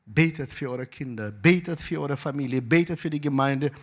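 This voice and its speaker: A pastor preaching a sermon, moving between loud, emphatic exclamations and quiet asides. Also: male voice, medium pitch, normal speed.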